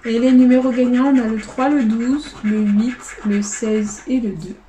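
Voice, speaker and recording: A woman casually commenting as she scratches lottery tickets, calling out letters and numbers one by one, often quietly. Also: on the high side, fairly even intonation, a little slow, reverberant, a little hiss or hum.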